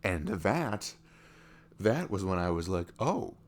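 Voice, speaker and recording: A male ASMR roleplay performer, heavily acted and sing-song, plays a smitten, vulnerable young neurodivergent boyfriend meeting his online love, sounding happy and awed. His low, creaky voice often slips toward a whisper, and he muses haltingly with frequent "you know"s and soft chuckles.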